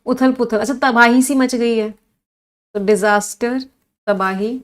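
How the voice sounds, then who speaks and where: Young woman vocabulary teacher with a fairly high voice, running an online class, quizzing and encouraging her students, explaining in Hindi and English. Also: slow pace. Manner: lively, quizzing students and praising answers; mixes Hindi and English, spells words out.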